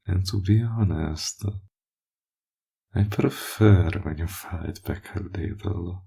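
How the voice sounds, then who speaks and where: In an audio roleplay, a man voices a smug, possessive villain who is both flirtatious and menacing. His low, mellow voice is husky and breathy, and he speaks slowly and teasingly, sinking toward whispers in a full character voice during this intimate monologue.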